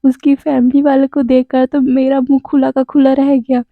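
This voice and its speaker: A woman's voice: sits high, level tone, moderate pace, no echo. A woman casually retelling a fan fiction story in a chatty way, speaking straight to her listeners. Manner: chatty, addresses listeners directly. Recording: dry, dull lo-fi sound.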